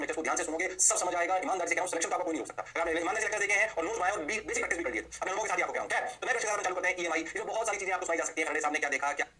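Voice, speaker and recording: Male physics lecturer, high and bright, rattles along at top speed, peppers Hindi with English terms, plays his own student; quiet studio. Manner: rapid, animated, mixing English terms into Hindi; answers himself in a student's voice. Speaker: physics teacher. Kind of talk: recorded online lecture.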